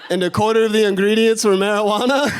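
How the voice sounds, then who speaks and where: A young man from working a stand-up set on a theater stage. His voice sits high for a man, and his delivery is laid-back. He tags punchlines with a casual "you know?". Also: fairly even intonation, quick pace. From Chicago. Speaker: stand-up comedian.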